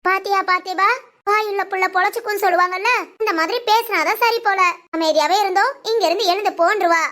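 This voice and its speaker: A woman's voice: very high voice, steady tone, fast, fairly bright tone. A woman voicing a fussy, aching elderly mother-in-law in a family cartoon, complaining and chiding. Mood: grumbling. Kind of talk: Tamil family cartoon voice acting.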